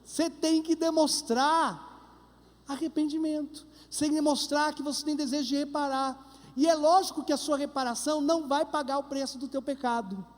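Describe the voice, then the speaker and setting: High-voiced Brazilian priest preaching. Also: male voice, normal speed. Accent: Brazilian Portuguese. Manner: animated preaching with humorous anecdotes. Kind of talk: sermon at Mass. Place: large church. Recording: reverberant church hall.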